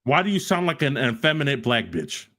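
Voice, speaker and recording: A man hosting a stream, loudly mocking and trash-talking another caller, repeating his insults. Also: medium pitch, sing-song, fast. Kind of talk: heated trash talk on a live stream.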